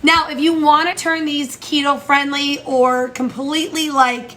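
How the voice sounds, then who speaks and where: A woman with a high voice and a blocked, nasal tone from allergies talks through each step of a recipe. She sounds chatty and upbeat, like a casual home cooking vlog. A faint hum of room noise sits underneath. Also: little pitch movement, a little slow. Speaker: home baking vlogger. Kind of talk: casual cooking tutorial chat.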